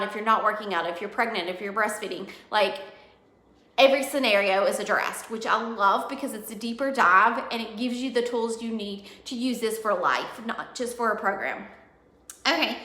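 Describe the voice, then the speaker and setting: A woman fitness coach chatting through a nutrition plan in a casual video, rambling with many ums and self-corrections, a bit hoarse. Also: fairly high pitch, bright, forceful tone. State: losing her voice. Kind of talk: casual product walkthrough video. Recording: echoey room.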